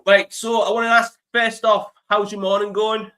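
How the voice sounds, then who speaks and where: A man's voice: sits high, flat delivery, moderate pace, pushed and bright. A man in his thirties, congested with the flu, hosting a casual live interview, chatty and laughing often. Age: 30s. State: stuffy with flu. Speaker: interview host.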